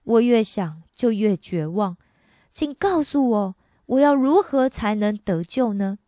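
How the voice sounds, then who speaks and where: A woman's voice: medium pitch, expressive, a little slow, warm tone, no room sound, clean studio sound, natural voice. A woman voicing a dying man who speaks in a troubled, pleading way about his fear of judgment.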